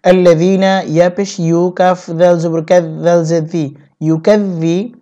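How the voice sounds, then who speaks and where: A man teaching Quran reading, spelling out syllables one by one and chanting each verse slowly. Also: high-pitched, little pitch movement, dark tone. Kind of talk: step-by-step recitation lesson. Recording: dull lo-fi recording.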